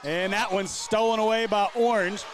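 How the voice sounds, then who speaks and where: A man with a high voice calls basketball play-by-play live from a gym. He runs through the action quickly. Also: steady tone, background noise. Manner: quick, running call of the action. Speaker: play-by-play commentator.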